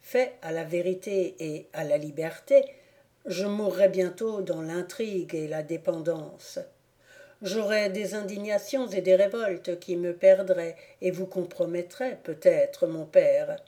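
A woman's voice: on the low side, unhurried, natural voice. Woman reading as an earnest pleading young nobleman. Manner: earnest, imploring, soft. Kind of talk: audiobook character reading.

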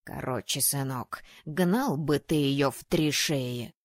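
A woman's voice: deep voice, unhurried, no echo, clean studio sound, pitched below the performer's own voice. A woman voicing a grumpy old ghost father. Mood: scolding. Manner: cantankerous, scolding.

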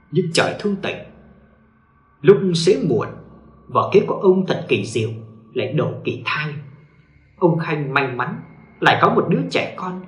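A man narrating a ghost story with dramatic storytelling. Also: a little high. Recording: echoey room.

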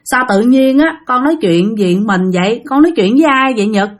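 A woman's voice: on the high side, lively intonation, brisk. A woman voicing a worried, pleading mother. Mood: coaxing. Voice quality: pleading, coaxing. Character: worried mother pleading with her sick son.

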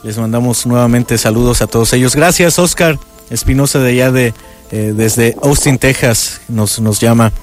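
A man with a Mexican accent hosting a radio call-in show, briskly greeting and thanking callers. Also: medium pitch, faint music behind. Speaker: radio host.

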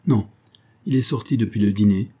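A man's voice: lowish voice, moderate pace, dark tone, breathy edge. A man reading an audiobook, voicing a proud, bitter young woman of twenty-three who speaks coldly and with restrained resentment. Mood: weary.

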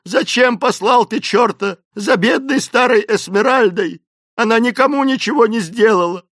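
A panicked old servant woman cries out in a shrill, strained voice pitched far above her reader's own, loud and sobbing through every plea, as a man puts her on. She sounds close and dry, with no room around her in this storybook reading. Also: normal speed, no room sound, heavily acted. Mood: hysterical. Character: hysterical elderly woman servant, terrified and wailing. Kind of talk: audiobook character voice.

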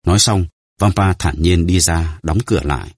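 A man narrating an audiobook in a steady storytelling way. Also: deep voice, normal speed, husky, dry recording, clean studio sound.

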